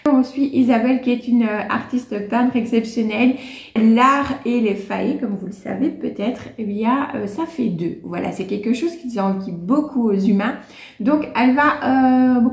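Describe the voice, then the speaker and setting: A woman chats casually through her favourite books and finds, filling pauses with little hesitations and laughing often. Her voice sits a bit high but sounds soft and mellow. The room around her adds a noticeable echo. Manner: chatty and warm, many fillers, laughs often. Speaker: book and lifestyle vlogger. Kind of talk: casual chat, reviewing favourites.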